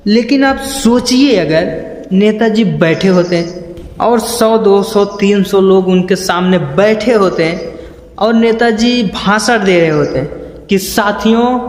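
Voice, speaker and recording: A man's voice: high-pitched, roomy sound, big-room sound. A man giving a motivational talk on communication, emphatic and acting out little anecdotes to make his points. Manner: emphatic, acts out anecdotes and examples. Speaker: motivational speaker.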